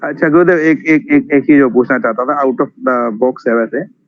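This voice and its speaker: A man's voice: medium pitch, steady tone, moderate pace, dry recording. A male student in an online class, respectfully asking his teacher questions and thinking aloud. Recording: dry tinny phone-like call audio.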